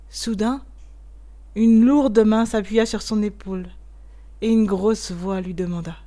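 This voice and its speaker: A woman narrating a classic tale in a measured, expressive storytelling voice. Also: fairly high pitch. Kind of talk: audiobook reading of a classic tale.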